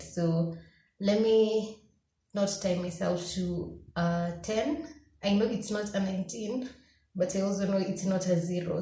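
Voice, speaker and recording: A woman's voice: mid-range voice, dark tone. A young Kenyan woman in her twenties, a law student telling a candid vlog story and acting out her own past thoughts. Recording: echoey room.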